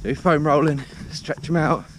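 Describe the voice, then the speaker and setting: A British man with a slightly high voice chats casually while running along a rural path. He speaks in short, broken phrases. Clear outdoor noise sits around his voice on the camera recording. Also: steady tone, normal speed. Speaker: running vlogger. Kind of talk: casual vlog monologue.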